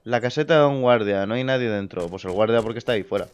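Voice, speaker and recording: A young man giving casual let's play commentary, excitable and quick to swear. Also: mid-range voice, smooth. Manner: excitable, swears, laughs at scares. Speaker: gamer.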